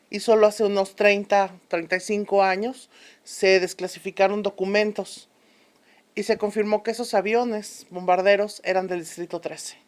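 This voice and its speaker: In radio drama style, a woman portrays a no-nonsense female historian interviewed on a fictional programme, explaining matters deliberately and authoritatively. Her voice is medium in pitch, slightly dark, and close to how she'd normally talk.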